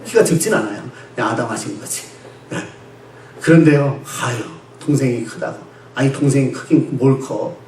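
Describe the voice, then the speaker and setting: A male pastor delivering a Sunday sermon, animated and laughing, who asks the congregation questions and answers them himself. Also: medium pitch, normal speed, slight background noise. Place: church sanctuary. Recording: echoey church sanctuary, distant mic.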